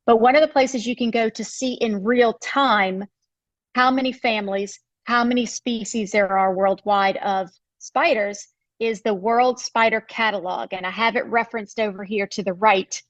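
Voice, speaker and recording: A woman's voice: fairly high pitch, no room sound. A female biology professor, giving a recorded slide lecture in a conversational, explanatory way with frequent fillers. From United States.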